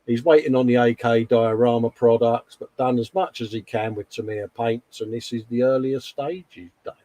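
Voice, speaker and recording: A man's voice: medium pitch, steady tone, normal speed, dark tone, no room sound. Chummy man chatting, close dry sound. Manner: chummy and colloquial, often saying "mate" and "innit". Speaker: co-host of a hobby live show. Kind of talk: casual chat, reading out viewers' posts.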